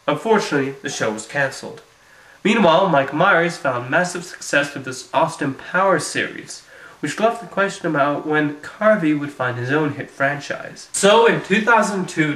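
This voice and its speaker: A man's voice: fairly high pitch, a bit bright. Dry sarcastic guy reviewing a movie, scripted voiceover, kinda roomy echo. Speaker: film reviewer. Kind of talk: scripted video review narration.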